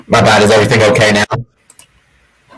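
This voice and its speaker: A man's voice: on the low side, completely flat delivery, a little slow, fairly bright tone, slightly rough. A man hosting a casual livestream, his voice tinny and muffled like talking into a tin can through a faulty mic, easygoing and apologetic. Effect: tinny muffled sound, like talking into a tin can, from a faulty mic. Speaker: livestream host. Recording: thin distant faulty headset mic.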